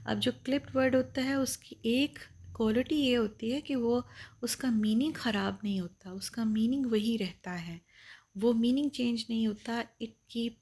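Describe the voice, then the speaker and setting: A woman teaching English vocabulary in a lecture, patiently explaining each point twice and reading the English definitions slowly. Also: a little high, darkish tone.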